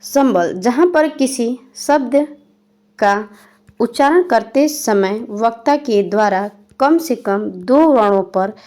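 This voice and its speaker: A woman's voice: a little high, lively intonation, takes it slowly, a little mellow. A young woman teaching a Hindi grammar lesson for exam prep, reading each definition and then explaining it again in plain words. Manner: spells out examples one by one.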